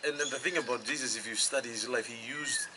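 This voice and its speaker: A man's voice: medium pitch, fast talker. A man from Fiji, a worship leader, talking casually about faith and family, often agreeing with "that's it". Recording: noticeable background noise.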